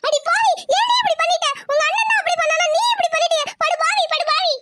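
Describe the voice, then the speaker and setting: A woman's voice: very high voice, fast talker, bright, forceful tone, no room sound, studio quality. A woman voicing an anxious, devout middle-aged mother in a cartoon who scolds and wails. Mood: furious. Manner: scolding, wailing and fretful. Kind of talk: cartoon voice acting.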